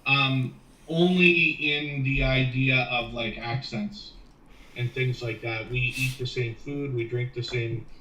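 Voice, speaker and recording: A man chats as a guest, thoughtful and hedging, dotting his speech with ums. His voice is bright, but he sits off the mic in an echoey room with faint noise behind him. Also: medium pitch, fairly even intonation, slow, recorded from a distance. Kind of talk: casual chat.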